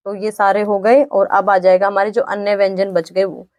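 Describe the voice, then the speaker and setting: A woman teaching an exam-prep grammar lesson, patiently repeating definitions and sounding out each letter slowly. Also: mid-range voice, little pitch movement, a little mellow, no echo.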